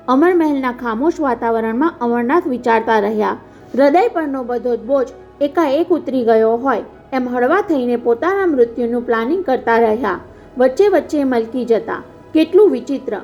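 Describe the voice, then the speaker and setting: A woman narrating a novel chapter as an audiobook in a steady storytelling read. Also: high voice. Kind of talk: scripted narration. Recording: dull lo-fi with faint music.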